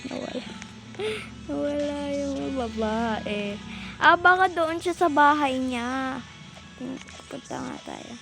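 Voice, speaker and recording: Slow, gravelly-voiced Filipina gamer. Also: female voice, sits high, sing-song, over music. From Philippines. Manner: playful, muttering to herself. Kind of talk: gameplay commentary.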